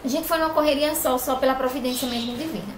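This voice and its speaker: A young woman tells a personal story for her vlog, earnest and plainspoken. Her voice sits a little high. The room around her rings noticeably, with a faint background hum. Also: fairly even intonation, fast talker. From Brazil. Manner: earnest, plainspoken, emotional retelling. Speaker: crochet vlogger. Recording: echoey room with faint ambience.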